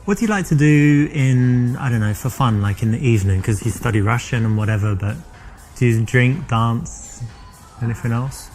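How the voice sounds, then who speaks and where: A man's voice: medium pitch, moderate pace, darkish tone, faint music behind. A man from England with a London accent, a dating coach chatting breezily and then explaining his approach, with plenty of "you know" fillers. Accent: London English. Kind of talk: demonstration chat with coaching asides to camera.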